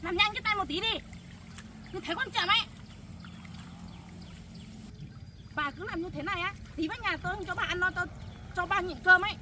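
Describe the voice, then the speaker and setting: A woman playing a shrill, nagging young bride barking orders. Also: quick pace. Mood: scolding. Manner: harsh, scolding, impatient commands. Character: cruel bossy young daughter-in-law, shouting orders. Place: outdoors in a rural field. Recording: noisy outdoor field recording.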